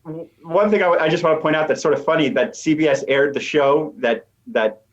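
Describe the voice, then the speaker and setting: A middle-aged or older American man, a professor appearing as an interview guest, explains things in a conversational yet emphatic way. His voice sits a little high and moves a little fast. The voice track sounds dull and slightly lo-fi.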